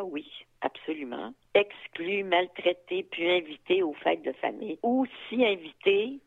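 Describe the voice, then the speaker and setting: Over a tinny phone line, an activist in her seventies gives a reflective interview in a low, gravelly voice marked by a Quebec French accent. She is frank and thoughtful, her answers full of fillers and asides.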